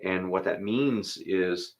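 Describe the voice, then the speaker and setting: A man's voice: low voice, takes it slowly, vocal fry. A man who is a pastor, chatting casually and thinking aloud, then leading a spoken prayer. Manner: easygoing, thinks aloud, chuckles between thoughts.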